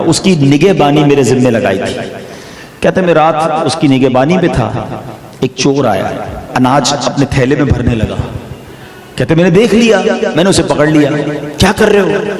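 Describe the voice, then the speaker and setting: A man preaching a passionate sermon, swinging between emphatic highs and low asides, slipping English words into his speech. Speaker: Islamic preacher. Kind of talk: impassioned Urdu sermon. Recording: long hall reverb.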